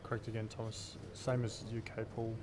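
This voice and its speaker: A man's voice: on the low side, monotone, brisk. A man giving casual, joking live pool commentary, often stumbling over his words. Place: busy pool venue. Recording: loud crowd noise in a venue. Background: loud crowd chatter.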